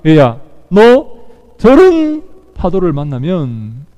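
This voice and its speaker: Stern old fisherman father put on by a preacher, slow earnest warnings, mellow tone. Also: a little high, wildly swooping pitch, long reverb tail, heavily acted.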